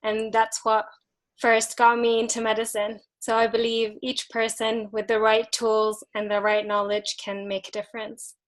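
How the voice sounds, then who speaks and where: A woman's voice: fairly high pitch, monotone, normal speed. A young woman from Saudi Arabia, a trainee anesthetist, speaking in an earnest, composed way on a panel. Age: young adult.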